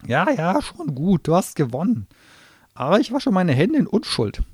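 A man voicing a sarcastic, hot-tempered little male gnome demon who grants wishes, shrill and mocking, in an audiobook reading. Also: wildly swooping pitch, moderate pace, darkish tone, husky, dry recording, studio quality, full character voice. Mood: pedantic.

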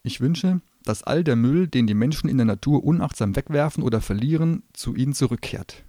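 A man's voice: medium pitch, expressive, fairly quick, mellow, no echo, clean studio sound, pitched above the performer's own voice, natural voice. A man voicing a determined young girl in an audiobook reading, firm and matter-of-fact.

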